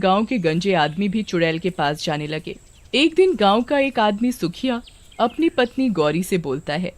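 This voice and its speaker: A woman narrating a cartoon folk tale in a steady storytelling manner. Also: lowish voice, no echo.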